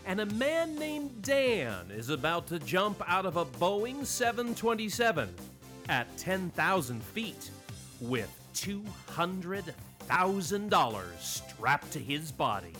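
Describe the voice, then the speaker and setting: A man's voice: sits high, big pitch swings, slow pace. A man hosting a podcast, narrating history from a script in a dramatic, irreverent way. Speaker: podcast host. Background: music.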